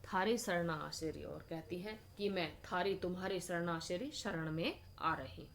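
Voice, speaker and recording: A woman's voice: on the low side, a little slow, a little hiss or hum. A woman teacher reciting devotional verses line by line, then explaining each word in a patient lecture. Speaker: Hindi literature teacher. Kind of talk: line-by-line poetry explanation lesson.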